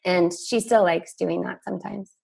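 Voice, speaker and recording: Gravelly-voiced woman telling a story. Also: on the low side, steady tone, moderate pace, a little mellow. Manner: chatty storytelling with fillers. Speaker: guest. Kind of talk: casual conversation.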